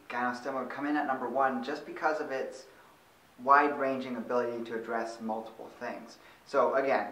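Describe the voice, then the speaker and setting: A man's voice: medium pitch, fairly bright tone. A man talks through a tonic herb at his own pace, conversational and a little loose, correcting himself here and there. His voice sits in an ordinary middle register. The sound is roomy, picked up from some distance away. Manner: conversational, with fillers and self-corrections. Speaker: host of a longevity channel. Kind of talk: casual informative monologue.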